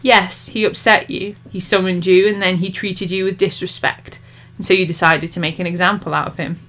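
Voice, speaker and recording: A woman's voice: lowish voice, fairly even intonation, normal speed, a bit bright, close to an everyday voice. A woman reading a determined, defiant young woman confronting a demon. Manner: firm and defiant.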